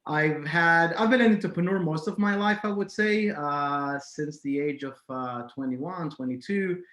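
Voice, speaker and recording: This man grew up in Israel and speaks in a slightly raised pitch. He talks casually as a podcast guest, hesitating and restarting often. His voice carries noticeable room echo. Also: a little slow, a bit bright. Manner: hesitant, many fillers and restarts. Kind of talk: casual interview talk. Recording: echoey room.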